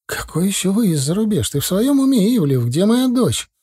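A man voicing a furious, sarcastic middle-aged mother in an audiobook, hissing and shouting. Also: sits high, lively intonation, normal speed, breathy edge, pitched above the performer's own voice.

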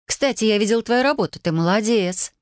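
A woman's voice: mid-range voice, expressive, clean tone, no room sound, studio quality, pitched above the performer's own voice, natural voice. A woman voicing a brash, mocking young witch with a breezy, teasing manner. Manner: teasing, breezy, quick to yell. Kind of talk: audiobook character voice.

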